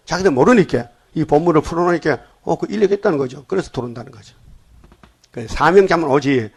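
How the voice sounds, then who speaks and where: A man's voice: on the high side, vocal fry, breathy edge. An older man preaching a dawn sermon in a blunt Gyeongsang accent, often stopping to ask the congregation questions. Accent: Gyeongsang Korean. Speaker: pastor.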